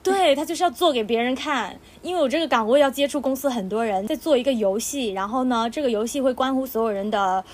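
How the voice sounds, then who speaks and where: A young woman co-hosting a podcast, chatting casually and telling an animated story, acting out what people said. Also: sits high, fast talker, few pauses. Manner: animated storytelling, acts out quoted exclamations. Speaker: podcast co-host. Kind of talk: casual chat.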